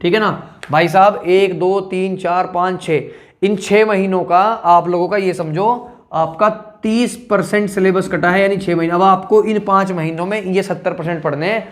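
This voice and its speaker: A man's voice: high voice, steady tone, normal speed. A male teacher giving exam advice to students in a blunt, scolding way, checking in with them again and again. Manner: blunt, scolding, keeps asking "ठीक है ना".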